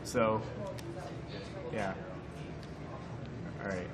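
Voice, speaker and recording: A man's voice: fairly low pitch, fairly even intonation, drawn-out words. A man speedrunning a game with a partner and chatting through it in a loose, rambling way. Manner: casual, rambling with fillers and restarts. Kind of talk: live co-op speedrun commentary. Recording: live event with crowd behind.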